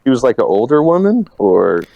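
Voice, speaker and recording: A man in casual chat who chimes in with curious questions and quick reactions, on a close mic. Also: medium pitch, big pitch swings, gravelly, warm tone, dry recording, highs cut off.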